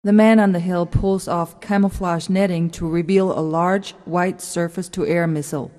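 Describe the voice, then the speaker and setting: A woman narrates stage directions from a script in a slightly low, mellow voice wrapped in long hall reverb. She keeps a steady tone at a moderate pace.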